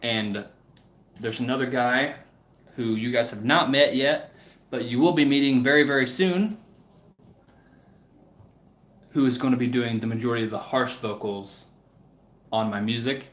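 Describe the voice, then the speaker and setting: Speaking at moderate pace in a fairly bright, medium-pitched voice, a livestream host talks loosely to viewers, rambling hesitantly and frequently letting sentences trail off. The room sounds echoey and spacious.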